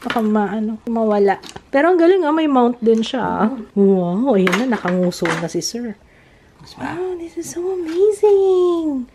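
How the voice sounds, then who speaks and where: High-voiced Filipino woman vlogging at home. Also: measured pace. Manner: chatty, mixing Tagalog and English, squealing excitedly at times. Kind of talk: casual family vlog, unboxing. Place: home, indoors. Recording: noisy home recording.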